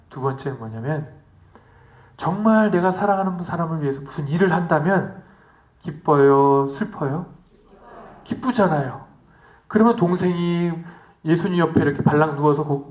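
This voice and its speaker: Male priest, higher-pitched voice, playful retreat preaching with many questions to the congregation, roomy echo. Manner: lively, asks the audience questions, acts out the story in quoted voices. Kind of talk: retreat sermon.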